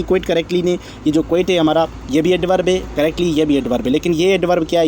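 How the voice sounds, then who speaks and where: A man teaching English grammar, slow and repetitive, asking himself questions and answering them. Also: on the high side, warm tone. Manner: slow, repetitive explaining with fillers and rhetorical questions. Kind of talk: explanatory lesson.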